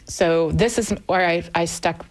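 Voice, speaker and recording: A woman's voice: on the low side, measured pace. A woman in her fifties, a guest on a radio talk show, speaking candidly and thoughtfully, with frequent fillers. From Germany. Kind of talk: conversational radio interview. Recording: radio studio.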